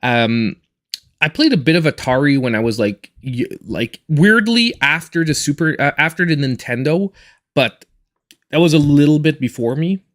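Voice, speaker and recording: A man's voice: a little high, lively intonation, normal speed, fairly bright tone. A man in his forties chatting casually and in a reserved way while he live-streams a game as host. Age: 40s.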